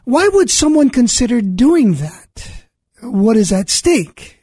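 Male radio host, husky and mellow, measured earnest reads, dry studio sound. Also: very high voice, very animated, no echo. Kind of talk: scripted radio introduction and interview.

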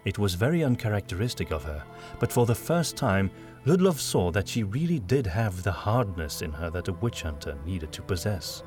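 A man reading a fantasy audiobook in a measured storytelling manner. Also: low voice, very animated, darkish tone, soft background music. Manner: measured storytelling, doing all the voices. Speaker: narrator. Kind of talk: scripted audiobook narration.

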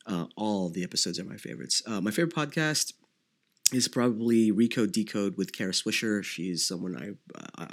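A man in his thirties from the Philippines hosting his podcast alone, answering listener questions in a conversational way with many fillers and restarts. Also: sits low. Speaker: podcast host. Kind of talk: solo podcast Q&A.

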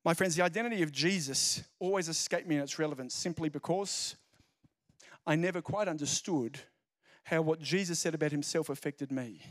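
A young man giving a lively, jokey evangelistic talk, telling stories and repeating key phrases. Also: fairly high pitch, a little fast. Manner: animated storyteller, jokey asides, repeats phrases. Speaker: speaker explaining Christianity.

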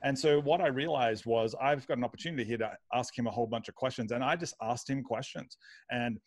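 A man's voice: medium pitch, fast. A man with an Australian accent telling his story casually as an interview guest, rambling and repeating words as he goes. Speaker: guest, online pastor.

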